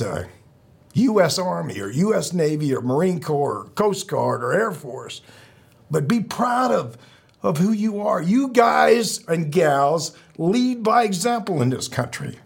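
With big swings in a high-sitting, husky voice, a middle-aged former serviceman ends his podcast by earnestly, haltingly rallying his listeners.

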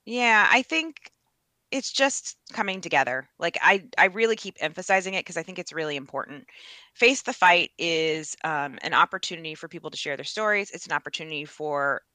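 Bright, earnest woman guest. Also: on the low side, expressive, a little fast, dry recording. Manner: earnest, emphatic, upbeat. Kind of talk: casual interview.

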